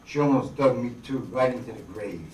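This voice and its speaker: An amateur performer acts out a 1950s radio noir, playing a wisecracking, flirtatious hardboiled detective-drifter who's down on his luck. His mid-range, darkish voice moves fairly quickly with wry, slangy narration and light acting. A distant microphone in an echoey hall picks him up along with a bit of hiss or hum.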